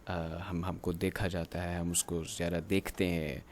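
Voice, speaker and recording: A man teaching a grammar lecture. He explains slowly and haltingly, with drawn-out pauses, and reads textbook lines aloud in English. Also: sits low, level tone, darkish tone, a little hiss or hum.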